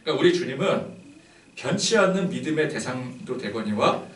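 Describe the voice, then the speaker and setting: Male pastor, casual chatty sermon, lively pitch, roomy hall, mic at a distance. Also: moderate pace. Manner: animated and conversational, with many fillers.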